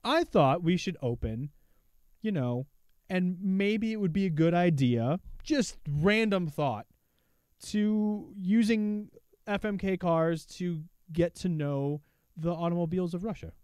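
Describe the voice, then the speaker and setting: A man's voice: high voice, expressive, a little slow, a little mellow, clear, resonant tone, no room sound, studio quality. A man co-hosting a podcast in casual chat, playful and teasing with mock innocence. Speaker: podcast co-host.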